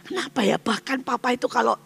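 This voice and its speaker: A male evangelist telling a story in a sermon, animated, acting out the people he quotes and addressing his listeners directly. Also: very high-pitched, quick pace, vocal fry, breathy edge, faint music behind.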